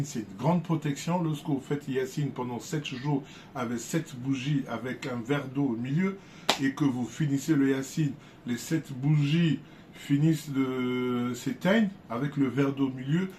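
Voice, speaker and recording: Guy calmly teaching his viewers, keeps restarting, mid pitch, bit of faint noise behind. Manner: unhurried, repeats words and restarts often. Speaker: spiritual teacher. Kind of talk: casual spoken teaching to viewers.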